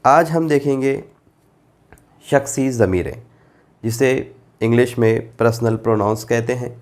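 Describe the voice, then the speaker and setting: A man's voice: mid-range voice, a little mellow. A male teacher giving a Quran translation class, reading Arabic phrases and explaining their meanings patiently, repeating forms for drilling. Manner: reads Arabic phrases then gives Urdu meanings, slow and deliberate. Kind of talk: classroom grammar lesson.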